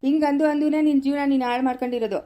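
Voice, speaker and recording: A woman's voice: a little high, steady tone, quick pace, warm tone, lightly acted. A woman with a Chikkaballapura-area Kannada accent voicing a stern older village man who comforts and commands, vowing revenge, in a family village drama. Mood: scolding. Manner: commanding, reassuring, threatening.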